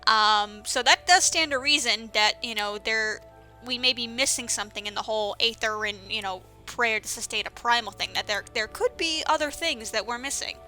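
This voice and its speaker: A woman's voice: a little high, moderate pace, sharp tone, faint music behind. A woman giving casual, rambling commentary over a game playthrough, with many fillers and restarts. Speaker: let's-play commentator.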